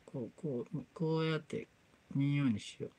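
A woman's voice: sits low, normal speed, dark tone. A woman with a Kansai accent and Kyoto dialect, chatting casually on a livestream while doing a repair and muttering to herself as she works. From Kansai, Japan. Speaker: livestream host.

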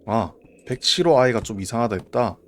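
A man doing live horror game commentary as a streamer, jumpy and reactive, talking to himself and sometimes shouting. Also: mid-range voice, animated, fairly quick, a little hiss or hum.

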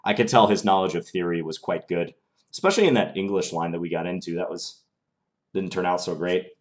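Playing chess live from a small room at home, a young man with a mild Minnesota accent talks through his moves. He speaks a little fast in a low-pitched voice.

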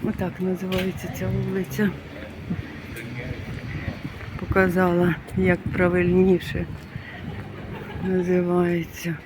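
A woman's voice: on the low side, completely flat delivery, a little slow. A woman from Ukraine talking casually through a walking vlog, explaining things as she goes. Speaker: vlogger. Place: outdoors on city streets. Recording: clear street noise and passing traffic.

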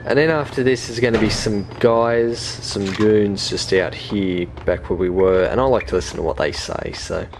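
A young man hosting a casual let's play, chatty, jokey and excitable. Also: lowish voice, moderate pace, hardly any pauses. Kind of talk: casual gameplay commentary. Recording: noisy home recording. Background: game audio.

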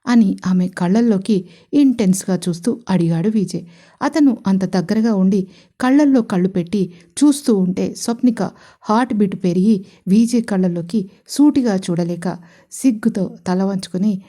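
Mellow-voiced woman narrating a story. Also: mid-range voice, normal speed. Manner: calm, even storytelling. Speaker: writer and narrator.

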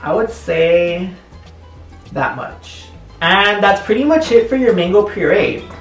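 A man's voice: high voice, expressive, slow pace. A young man chatting casually and joking through a home cooking vlog in his kitchen. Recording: echoey kitchen, distant mic, faint music.

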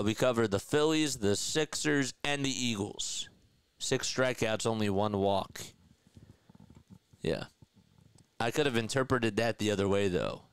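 A Philly-accented man calls baseball on a headset with a boom mic, hosting a play-by-play livestream from a desk setup in a small indoor room. He's chatty, laughs often, and reads viewer comments aloud. His medium-pitched voice is creaky and fairly bright, with a clean tone and no echo.

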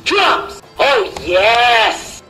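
A man voicing an excitable young cartoon brawler in a squeaky, high put-on voice, yelping and overexcited. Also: extremely slow, soft background music, heavily acted. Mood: excited.

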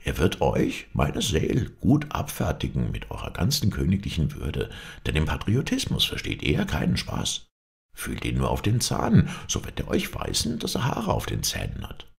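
A man's voice: very deep voice, wildly swooping pitch, normal speed, creaky, exaggerated voice. A man voicing an eager, boastful townsman who keeps pressing his praise. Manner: wheedling, insistent.

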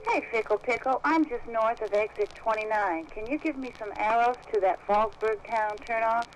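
A woman playing a motorist who calls for help over CB radio, speaking in brisk trucker slang. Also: on the high side, background noise.

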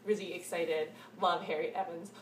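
This twenty-something book reviewer talks to her camera in a cramped, messy room at home, enthusing about books and repeating words to stress them. Her pitch is fairly low, her tone steady, her pace moderate. The camera mic sits a little distance away, leaving an echoey room sound and a faint hiss.

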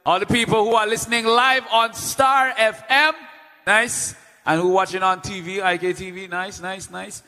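A Vincentian man hypes up a live stream with a high, bright, forceful voice. He booms out playful call-outs to the crowd. His voice rings in a long hall reverb, with music playing underneath. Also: flat delivery, moderate pace. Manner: loud, playful, chanting call-outs to the audience. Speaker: livestream host and DJ. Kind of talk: hype live-stream hosting.

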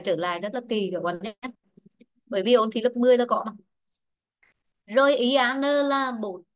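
Woman teacher on an online english class, kinda high voice, repeats stuff and drags words out. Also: fairly bright tone. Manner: repetitive, drawn-out explaining with frequent fillers. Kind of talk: online class explaining stress rules. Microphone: online lesson mic.

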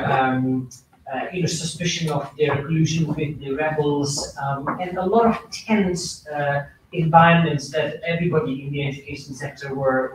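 A man from Nepal presenting his book at a university launch, talking in an earnest, hesitant way with many fillers. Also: a little high. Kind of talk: academic book launch talk. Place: large lecture room with perforated wall panels. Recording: very echoey room, far from the mic, faint noise.

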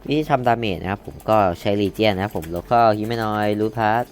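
A man's voice: fairly low pitch, moderate pace, soft background music. A young man hosting a casual coding lesson, thinking aloud as he types and reading code out word by word, correcting himself as he goes. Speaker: coding tutorial host.

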